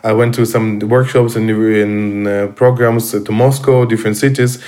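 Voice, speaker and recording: A man, a guest speaking casually in English, pausing often with fillers and restarts. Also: fairly low pitch, fairly even intonation, a little mellow. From Armenian, raised in Russia. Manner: halting, many fillers and restarts. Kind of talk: casual conversation.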